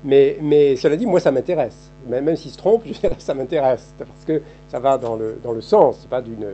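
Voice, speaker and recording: Man, 50s, historian lecturing at a seminar; mellow, low-key timbre, halting and self-correcting delivery, muffled archive-tape sound. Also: expressive, faint music behind. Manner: thinking aloud, frequent halting restarts and repeated words. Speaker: historian giving a seminar talk. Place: seminar room. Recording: dull, lo-fi archive seminar recording.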